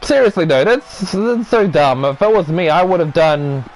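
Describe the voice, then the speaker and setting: A young man hosting a gaming video, calling a wrestling match play-by-play with excitable shouts and rambling asides. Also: on the high side, moderate pace. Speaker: gaming channel host. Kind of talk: play-by-play wrestling commentary over gameplay.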